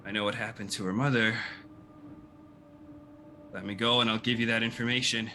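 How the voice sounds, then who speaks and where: A man's voice: on the low side, steady tone, moderate pace, pushed and bright, slight background noise. A man voicing a cornered goblin who wheedles and bargains for his life in a tabletop game. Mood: wheedling. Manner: pleading, wheedling.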